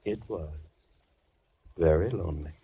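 An actor playing a soft-spoken, coldly polite madman in a 1940s radio drama. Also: low-pitched, breathy edge, heavily acted. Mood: menacing. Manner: slow, silky, coldly polite. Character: menacing soft-spoken male madman, middle-aged. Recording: muffled 1940s radio recording with hiss.

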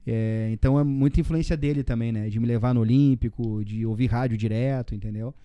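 A man in his forties with a Rio Grande do Sul accent, speaking quickly and tumbling from one story to the next. His voice is dark and mellow, heard dry and close. He keeps dropping tag questions and casual slang as he talks. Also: medium pitch, fairly even intonation, clean tone, dry recording. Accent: Rio Grande do Sul Portuguese. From southern Brazil. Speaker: guest.

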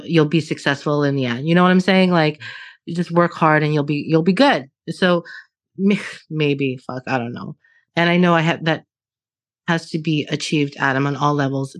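A woman's voice: deep voice, steady tone, moderate pace, dry recording. A woman in her late thirties, a podcast guest in casual chat, who swears freely, laughs often and restarts her sentences. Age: 30s.

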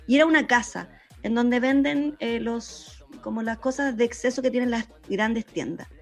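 Chilean woman, kinda high voice, chatty slangy storytelling, laughs a lot, faint music under it. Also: normal speed. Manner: animated, laughs often, slangy. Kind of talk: casual storytelling.

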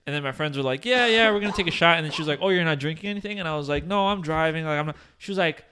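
A young man with a slightly high voice hosts a casual podcast chat. He tells a long story in animated, rambling bursts, with plenty of swearing, fillers and false starts. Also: racing, a little hiss or hum. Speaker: podcast host.

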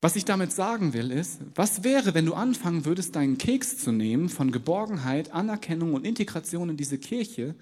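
A man's voice: fairly high pitch, big pitch swings, brisk, few pauses, a little mellow. A man preaching a sermon in a large church, in a casual, conversational way that slips into little acted dialogues. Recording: long reverb of a large church.

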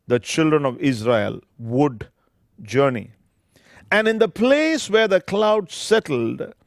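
A man's voice: on the high side, no room sound, studio quality. A man, a pastor preaching a sermon into a pulpit microphone, emphatic and drawing out scripture phrases word by word.

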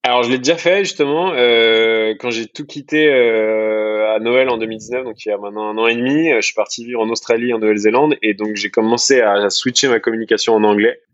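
A man from France talks about his business in a relaxed, rambling interview style, with plenty of hesitations and friendly asides. His voice sits low. The sound is dry and a little muffled, like a lo-fi recording. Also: fast, few pauses, dry recording. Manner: relaxed, filler-heavy, frequent "you know" asides. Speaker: entrepreneur guest. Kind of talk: casual conversational interview.

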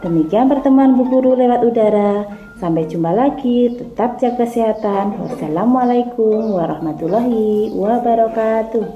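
A woman's voice: on the high side, moderate pace, echoey room, muffled recording, music in the background. A kindergarten teacher, a woman, teaching young children over radio in a sing-song way, asking them questions.

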